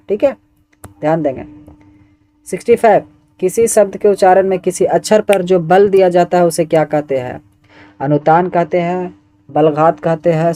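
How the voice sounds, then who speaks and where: A man teaching Hindi grammar walks through exam questions, reading each one and its options aloud, then asking for the answer and repeating it. His voice is on the high side and mellow.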